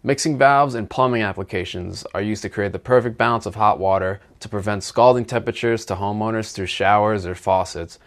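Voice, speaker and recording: A young man in his twenties walks through a plumbing product in an explainer video. His voice sits a little low and his delivery is plain and instructional. It is recorded cleanly in a studio. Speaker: product presenter.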